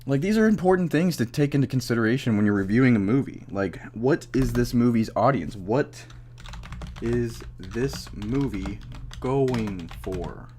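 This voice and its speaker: A tipsy young man giving a casual, rambling movie review, halting, swearing freely and losing his train of thought. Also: mid-range voice, lively intonation, a little mellow, slight background noise. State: drunk, tipsy. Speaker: amateur film reviewer.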